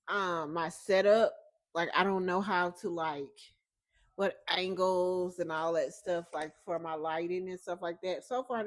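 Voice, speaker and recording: A young adult woman with a Southern American accent, chatting casually and rambling through a home vlog. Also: fairly low pitch. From Southern United States. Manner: chatty, rambling, relaxed asides. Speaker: vlogger.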